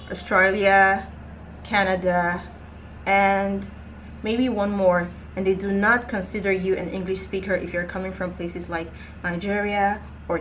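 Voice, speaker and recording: A young woman giving career advice straight to her viewers, in a voice of middling pitch. She talks in a direct, emphatic way and leans hard on her key points. A faint hiss of room ambience sits under her voice. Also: fairly bright tone. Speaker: youth career coach. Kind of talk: casual advice vlog.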